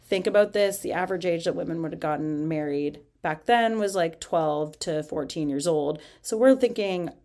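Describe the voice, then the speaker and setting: A woman with a fairly low-pitched voice talks through a reading in a casual podcast chat. She keeps breaking in with sarcastic, deadpan remarks and swears freely. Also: normal speed, few pauses. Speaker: podcast co-host. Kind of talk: casual irreverent chat, reading scripture aloud.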